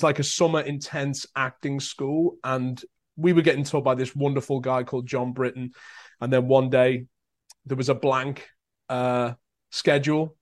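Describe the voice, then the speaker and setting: A young man with a Liverpool accent, an actor chatting in an interview, telling stories with many fillers and restarts. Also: mid-range voice. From Merseyside, England. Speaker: actor guest. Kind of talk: casual interview chat.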